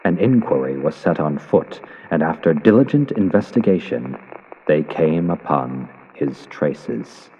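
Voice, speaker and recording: Loud sound effects of ambience and horse hooves play as a man narrates a scripted story in classic radio horror style, theatrical, suspenseful and emphatic. His rumbling low voice is animated yet measured in pace. The dull lo-fi audio has a slight hiss or hum.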